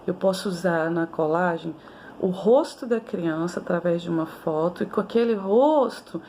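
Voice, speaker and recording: Gravelly-voiced woman lecturing teachers. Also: fairly low pitch, moderate pace, dark tone, a little hiss or hum. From Brazil. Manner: conversational, with frequent "né?" tags and restarts. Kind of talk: recorded lecture on early childhood education.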